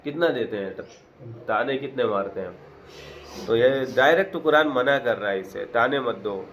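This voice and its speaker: An earnest man gives a verse-by-verse scripture lesson, reciting a phrase and then unpacking it slowly in everyday speech. His voice sits at an ordinary middle pitch, and a faint hiss of noise runs behind him. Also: a bit bright. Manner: recites Arabic phrases then explains them in plain conversational Urdu; repetitive, earnest, preacher-like emphasis. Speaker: Quran teacher. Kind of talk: verse-by-verse Quran explanation.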